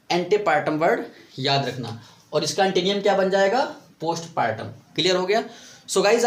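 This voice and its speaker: A man teaching English vocabulary in Hindi mixed with English, explaining slowly, repeating words and asking his students questions. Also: sits high, echoey room.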